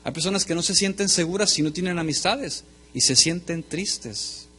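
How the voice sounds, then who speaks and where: A man's voice: high-pitched, normal speed, slightly rough. Emphatic male pastor preaching. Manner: emphatic preaching that swings between loud and soft; speaks directly to the congregation. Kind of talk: sermon.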